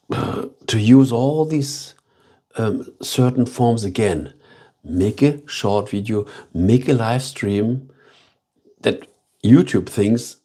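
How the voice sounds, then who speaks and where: Speaking in a medium pitch with a warm, slightly breathy quality, this livestream host has a German accent. He chats casually with his viewers in a slow, thoughtful way, repeating himself amid filler words.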